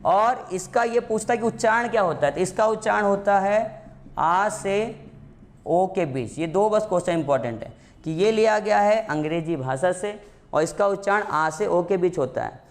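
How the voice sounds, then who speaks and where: High-voiced man teaching a grammar lesson. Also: lively intonation, normal speed. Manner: asks students questions and answers them himself; calls students "beta", repeats key points. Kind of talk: classroom-style exam prep lesson.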